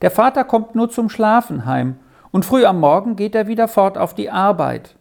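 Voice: lively intonation, moderate pace, gravelly, darkish tone. A storyteller voicing a lonely, earnest little boy in a children's storybook, raising the voice to sound young and pleading. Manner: pleading, higher-pitched childlike voice. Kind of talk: storybook reading.

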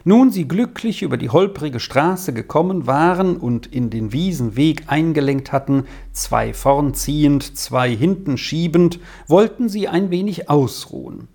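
A reader narrating a German storybook in an expressive, melodic storytelling manner. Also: mid-range voice, gravelly. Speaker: audiobook reader.

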